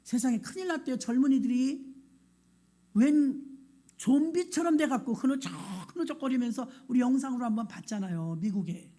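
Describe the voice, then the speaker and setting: Woman, pastor, sermon, storytelling, husky, mellow, hushed and emphatic turns. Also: high-pitched, expressive, brisk.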